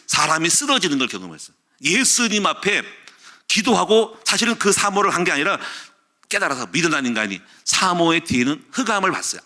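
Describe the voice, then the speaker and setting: A middle-aged male pastor preaching a sermon, telling stories animatedly and acting out the shouts he quotes. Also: on the high side.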